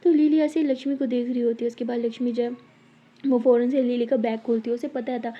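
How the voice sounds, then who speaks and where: A woman narrating a love story in a calm, conversational storytelling way. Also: on the high side, fast. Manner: calm, conversational, clears throat now and then. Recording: slightly dull lo-fi audio.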